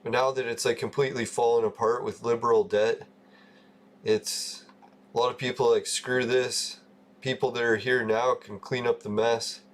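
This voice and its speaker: Forties canadian guy rambling on a game stream, swears a lot, chuckles at himself, mid-pitched voice. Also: level tone, normal speed. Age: 40s. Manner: loose, profane, laughs at his own stories. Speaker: gaming livestream host. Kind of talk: casual rambling chat.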